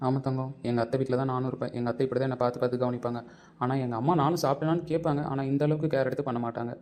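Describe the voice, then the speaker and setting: Guy as a worried young husband, fast talker, warm dark tone. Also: medium pitch, level tone, slight background noise, natural voice. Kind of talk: family audio drama.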